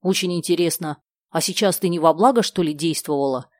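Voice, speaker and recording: A woman's voice: fairly low pitch, brisk, darkish tone, no room sound, clean studio sound, natural voice. A woman voicing a sarcastic schoolgirl. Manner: sarcastic, indignant. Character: sharp-tongued sarcastic schoolgirl.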